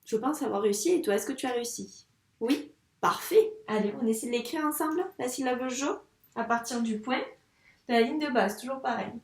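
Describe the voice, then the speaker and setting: A primary school teacher, a woman, guiding a young child through a handwriting lesson in a patient, encouraging way, saying each sound slowly as she writes. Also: on the high side. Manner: says sounds slowly while writing. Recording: echoey room, mic at a distance.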